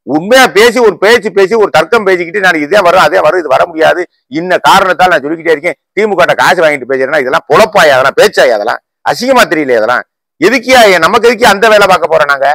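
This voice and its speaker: Guy, youtuber going off on a political rant, high sharp voice, dry close sound. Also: no room sound, rough recording. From Tamil Nadu. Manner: combative, rapid rhetorical questions. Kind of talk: heated political rant to camera.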